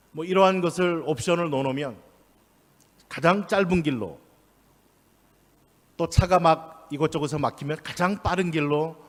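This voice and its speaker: A man delivers a sermon from the pulpit of a church, his voice sitting a little high for a man. He leans into key phrases with emphatic stress. The sound carries a long reverb from the hall around him. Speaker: pastor. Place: church sanctuary.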